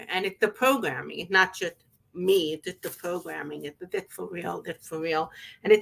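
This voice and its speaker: A woman hosts a casual livestream chat. Her voice is bright and forceful, sitting slightly low. She muses and rambles between thoughts. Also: poor audio. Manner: musing, rambling with fillers. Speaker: host of intuitive reading show.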